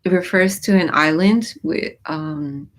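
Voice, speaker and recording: Hosting a casual livestream, a woman born in Japan and raised in the US, Japanese being her mother tongue, goes through viewer comments and explains lyrics, often saying um and restarting. Her medium-pitched voice is sing-song, slow, creaky and fairly bright.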